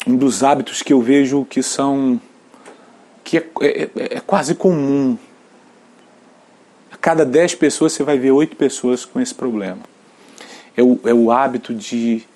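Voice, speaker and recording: Brazilian pastor guy preaching, kinda husky voice, goes from whispery low to loud and heated. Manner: earnest testimony, drops to near whispers, climbs to loud emphatic peaks. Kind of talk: sermon.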